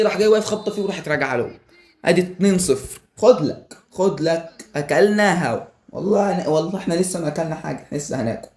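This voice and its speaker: A man with an Egyptian Arabic accent doing excitable live commentary over a football video game, yelling at the players and joking with viewers. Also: sits high. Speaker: gaming YouTuber.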